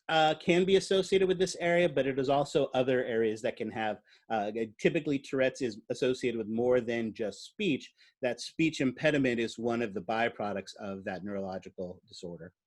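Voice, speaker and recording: A male lecturer teaching a class in an easygoing, conversational way. He speaks at a middling pitch, uses frequent "uh"s and turns to the students with questions. He sounds like an ordinary classroom talk. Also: normal speed. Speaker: biology lecturer.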